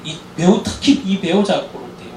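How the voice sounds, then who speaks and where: A man's voice: high voice, normal speed, roomy sound, recorded from a distance, slight background noise, rough recording. A man giving a church lecture on marriage and parenting, telling stories and acting out the dialogue. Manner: animated storytelling, acting out quoted dialogue.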